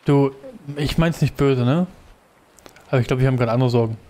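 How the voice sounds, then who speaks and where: A let's play gamer chats casually with a co-player during a video game. His voice is medium-pitched and mellow, and he talks at a brisk clip.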